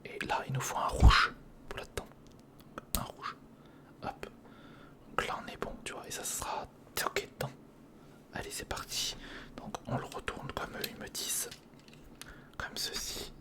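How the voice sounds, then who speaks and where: An ASMR creator talks over a build in unhurried, short phrases with frequent pauses. The whisper stays breathy and toneless from start to finish, a casual stream of muttered thoughts.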